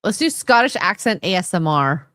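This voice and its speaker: A woman's voice: fairly low pitch, very animated, moderate pace, fairly bright tone, dry recording. A woman co-hosting a casual livestream chat, playful and teasing, laughing easily. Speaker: co-host.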